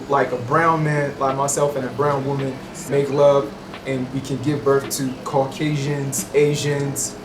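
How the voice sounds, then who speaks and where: A man's voice: medium pitch, background noise. A musician giving an emphatic, preachy interview monologue, often asking if you know what he means. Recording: roomy echo with music behind.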